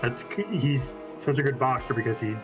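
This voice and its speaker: A man's voice: medium pitch, fairly even intonation, moderate pace, lo-fi sound. A man talking casually with a group of friends. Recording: music playing behind the voice. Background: music.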